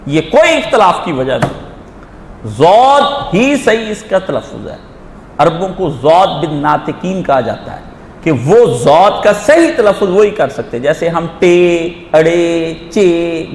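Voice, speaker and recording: A man, answering religious questions in an emphatic, repetitive lecture style and acting out quoted voices. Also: high-pitched. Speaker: Islamic teacher answering questions. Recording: echoey hall with faint noise.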